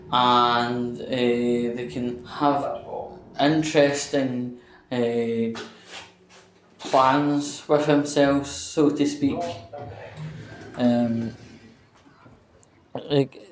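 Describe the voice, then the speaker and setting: A Scottish vlogger with a smooth, slightly mellow voice on the high side chats casually to camera, rambling through fillers and restarts as he walks through a train station and into a lift. The recording is dry.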